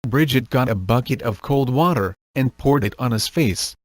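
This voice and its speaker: Male narrator, mid-pitched, deadpan reading, dry close recording. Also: moderate pace, no echo. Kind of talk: reading a comic horror story aloud.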